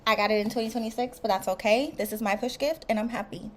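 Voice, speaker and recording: A young woman, chatting excitedly through a casual unboxing vlog and calling her viewers y'all. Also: a little high, fast, slight background noise. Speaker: vlogger.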